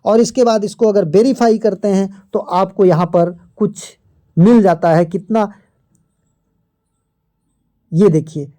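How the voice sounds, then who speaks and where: A host talks through an app tutorial over a screen recording. The voice sits at a middle pitch with a mellow, unforced tone. The delivery is steady and methodical, explaining each step and pointing things out as they appear. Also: measured pace, pauses often.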